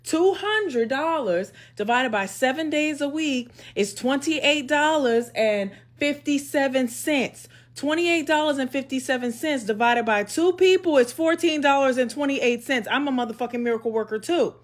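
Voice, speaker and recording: A woman's voice: sits high, expressive, normal speed, few pauses. A woman on an angry, profane rant, lecturing sarcastically. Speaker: social media poster.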